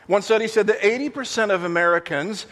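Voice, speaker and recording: A man's voice: high-pitched, fast talker, a bit bright, in a large hall. A middle-aged man preaching a sermon as a pastor, telling stories in a conversational way with frequent restarts.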